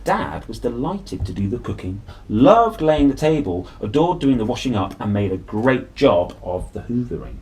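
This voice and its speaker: A man with a mid-range, darkish voice reads a children's story aloud in an animated way, his delivery sing-song, playful and full of dramatic emphasis. He keeps a normal speed and barely pauses at all.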